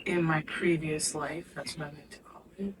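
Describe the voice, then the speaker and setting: A woman guest in an interview, talking in an earnest, searching way that sometimes sinks to a near whisper. Her voice sits at an ordinary pitch. It is picked up from a little way off, with a faint hiss of background noise. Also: level tone, normal speed, distant mic, low-quality recording. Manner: earnest, loose and searching, dropping to a near whisper on quiet moments. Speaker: interview guest, studio founder. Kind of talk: reflective conversational storytelling.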